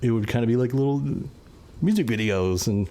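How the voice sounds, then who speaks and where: A man's voice: medium pitch, expressive, fairly quick, warm tone. A man hosting a casual movie review podcast, talking in an easygoing, rambling way with plenty of fillers. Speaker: podcast host.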